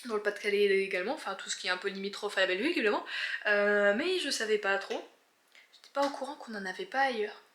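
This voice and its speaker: A woman's voice: medium pitch, quick pace, a little hiss or hum. A young woman from northern France with a northern French accent, chatting casually in a book vlog with lots of fillers. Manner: chatty, animated, many fillers. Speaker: book vlogger.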